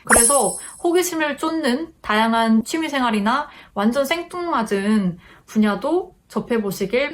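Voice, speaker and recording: Young woman chatting thru self-improvement tips, friendly, kinda high voice, acts out her own thoughts. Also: a little hiss or hum. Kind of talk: casual advice talk to camera.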